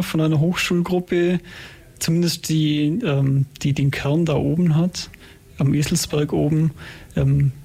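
A man's voice: a little high, a little mellow, slightly rough. A man co-hosting a radio show, asking questions in a casual, conversational interview style. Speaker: radio co-host.

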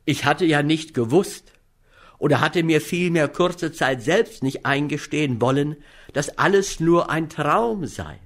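Male audiobook reader, measured and expressive, slow delivery. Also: fairly high pitch. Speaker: audiobook narrator. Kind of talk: first-person literary narration.

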